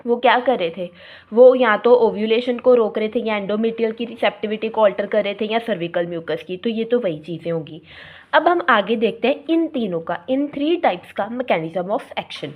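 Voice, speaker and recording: Female lecturer, higher voice, reads points slowly, then explains them quickly; muffled lo-fi recording. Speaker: nursing pharmacology teacher. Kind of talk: classroom lecture mixing Hindi and English. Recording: slightly muffled lo-fi sound.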